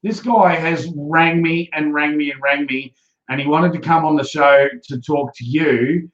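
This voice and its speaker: A man's voice: on the high side, measured pace. A man with an Australian accent hosting a live stream in a casual, chatty style. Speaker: live-stream show host. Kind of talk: casual chat. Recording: roomy, slightly dull live-stream audio.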